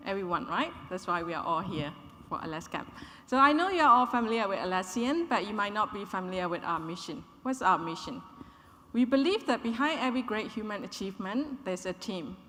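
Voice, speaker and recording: A woman from Burma, in her thirties, giving a measured, clear conference talk to an audience. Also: medium pitch, sharp tone. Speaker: conference speaker. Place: conference hall. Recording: hall reverb, conference room.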